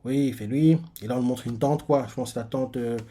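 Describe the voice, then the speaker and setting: A man's voice: medium pitch, fairly even intonation, a little fast, dark tone. A man, a reaction youtuber, narrating a manga chapter aloud in a casual way with many fillers.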